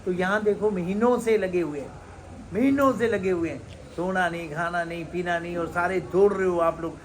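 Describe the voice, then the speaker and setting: A man's voice: high voice, normal speed. Earnest man preaching over background noise. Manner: earnest, exhorting, repeats points. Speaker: spiritual teacher. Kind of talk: devotional talk at a religious gathering. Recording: noisy live recording with ambience.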